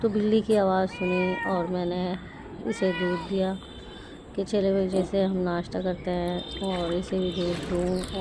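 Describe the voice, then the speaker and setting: A woman with a gravelly, creaky voice narrating her morning in a casual home vlog. Her pitch stays flat and level as she rambles on. She fills her pauses with little fillers. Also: noisy background. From India. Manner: chatty, homely, fills pauses with "jo hai na". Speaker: vlogger.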